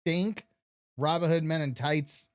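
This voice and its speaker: A man's voice: fairly high pitch, fairly even intonation, unhurried, no room sound. A man co-hosting a podcast in casual chat, often stopping and restarting his sentences. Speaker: podcast co-host.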